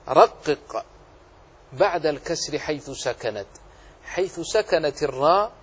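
A man's voice: medium pitch, breathy edge. A man giving a religious lesson, explaining recitation rules step by step, quoting verses and rephrasing them, and asking questions that he answers himself. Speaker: religious teacher.

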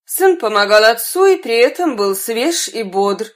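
A woman narrating a fairy tale in an even, measured storybook reading. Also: fairly high pitch.

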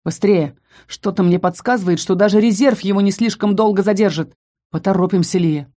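A woman's voice: mid-range voice, fairly quick, dark tone, natural voice. A woman voicing a stern male demon who was once a dean, speaking curtly and commandingly in an audiobook. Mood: urgent. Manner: curt and commanding.

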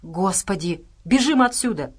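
A woman voicing a hulking male creature who speaks in slow, blunt, broken phrases. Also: mid-range voice, lively intonation, husky. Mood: grim.

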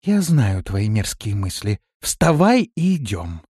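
A man's voice: fairly low pitch, big pitch swings, slow pace, husky, no room sound, studio quality, heavily acted. A man voicing a haughty, bossy young woman who snaps orders, in an audiobook. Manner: commanding, sharp.

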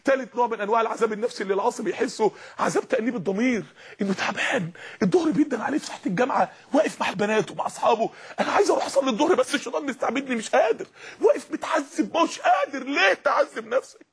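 An Egyptian man delivers a fervent sermon in a very high, husky voice. He talks fast and pleads with his listeners, and his voice swells into shouts now and then. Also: lively intonation. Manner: impassioned, pleading, at times shouting. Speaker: preacher. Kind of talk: sermon to young people.

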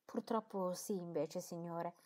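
Reading an audiobook, a woman performs a fussy middle-aged mother who brags and gushes with indignation, pitching her slightly higher and louder than the narration. Her pace is a little slow and the performance lightly acted.

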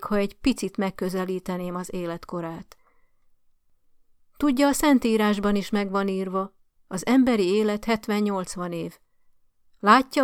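A woman voicing a polite young woman who visits a dying patient and speaks to her gently, patiently and persuasively. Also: mid-range voice, clear, resonant tone, no room sound, clean studio sound, natural voice.

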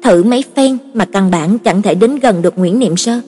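A woman reads a novel aloud in a steady, even voice. Her tone is husky and breathy. Long reverb and faint music sit behind her. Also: mid-range voice, normal speed. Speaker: audiobook narrator. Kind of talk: scripted novel narration. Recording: reverberant, with soft background music.

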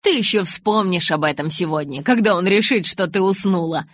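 A woman voicing a cocky, teasing teenage boy who talks loudly and brashly in an audiobook. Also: lowish voice, moderate pace, no room sound. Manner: loud, brash and insistent.

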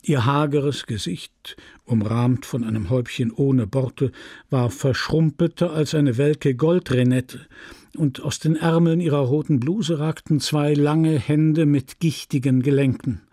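A man reading a classic novel aloud as an audiobook narrator, measured and expressive. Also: a little high, no echo, studio quality. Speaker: audiobook reader.

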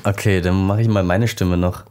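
A man's voice: deep voice, steady tone, moderate pace, a little mellow. A man co-hosting a film podcast from his kitchen table, chatting in a jokey way and laughing often, later reading a short intro text. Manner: laughs often, joking, swears in jest. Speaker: podcast co-host.

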